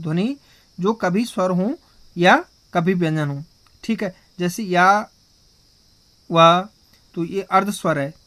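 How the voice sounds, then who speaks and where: A man's voice: high-pitched, a bit bright. A man teaching Hindi grammar in a classroom style. He asks himself questions, answers them, and keeps checking in with his listeners. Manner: slow, repetitive spelling-out of sounds.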